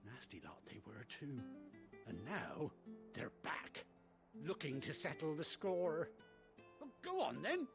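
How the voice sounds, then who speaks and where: An actor playing a chatty, excitable rustic villager in a video game, talking in a folksy, colloquial way. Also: male voice, fairly high pitch, slow, pauses often, exaggerated voice. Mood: excited. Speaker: game character. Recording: game audio with loud music. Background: game music.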